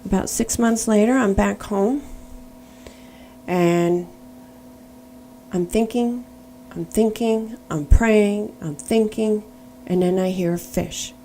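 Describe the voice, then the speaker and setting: A woman's voice: mid-range voice, slow pace, pauses often, mellow, slight background noise. A middle-aged woman giving a personal faith testimony, earnest and storytelling, now and then spelling words out letter by letter.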